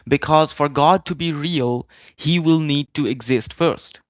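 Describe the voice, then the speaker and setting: Male debater, calm and methodical in a noisy voice-chat argument, a touch higher pitched, dry sound. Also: dry recording. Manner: measured, explains step by step. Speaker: debater arguing against religion. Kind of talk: heated online voice-chat debate.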